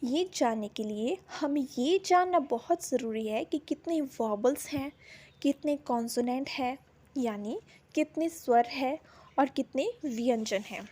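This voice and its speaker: Slow, high-voiced woman teaching grammar. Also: dark tone, slightly rough. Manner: slow, repeats each example word deliberately. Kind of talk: explaining a lesson in Hindi.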